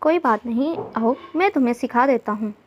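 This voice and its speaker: A teasing, affectionate young man, as a woman narrator puts him on in a storybook reading. The voice sits a bit high, and the recording sounds dull and lo-fi. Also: brisk, natural voice.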